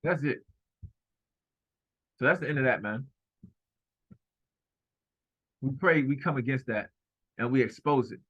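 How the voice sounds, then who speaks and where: A man's voice: mid-range voice, moderate pace, husky. Emphatic man commenting on a video, lo-fi. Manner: emphatic and repetitive, accusing. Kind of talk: heated running commentary over a video.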